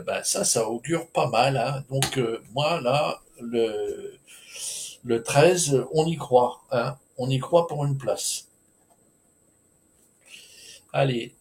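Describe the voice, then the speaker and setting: A man's voice: mid-range voice, very slow, gravelly, a little mellow. A man giving a solo horse racing preview, talking in a hesitant, chatty way with frequent filler sounds and restarts. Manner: informal, chatty asides.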